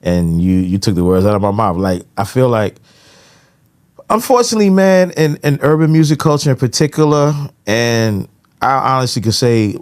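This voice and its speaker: The recording is studio quality with no room sound, capturing a clean, mid-range voice at normal speed. It belongs to a middle-aged music industry veteran co-hosting a podcast, who talks casually with slang and frequent "you know what I'm saying" tags.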